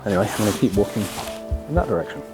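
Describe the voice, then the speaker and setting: Croaky with a cold, this low-voiced photography vlogger chats his way through a forest in laid-back, faltering narration full of ums. Loud music sits under his voice, and the recording quality is poor.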